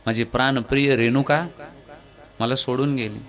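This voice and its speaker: A man voicing a stern, wrathful old male sage who shouts orders at his son, within a devotional storytelling sermon. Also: mid-range voice, steady tone, moderate pace, faint music behind, natural voice. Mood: remorseful.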